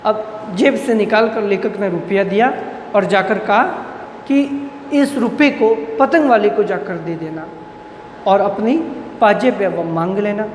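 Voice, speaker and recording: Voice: mid-range voice, unhurried, a little hiss or hum. College teacher, reads a line then explains it, echoey room, long reverb. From Rajasthan, India. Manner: reads a line, then restates it in plain words. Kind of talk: reading and explaining a Hindi story line by line.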